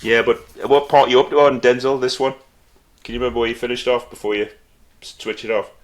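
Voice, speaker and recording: A man, co-hosting a podcast in relaxed casual chat, mostly giving short agreeing replies. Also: mid-range voice, quick pace. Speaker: podcast co-host.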